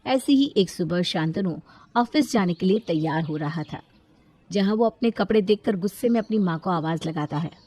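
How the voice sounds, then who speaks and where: A woman narrating a scripted moral storybook in an even storytelling manner. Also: on the low side, moderate pace, husky.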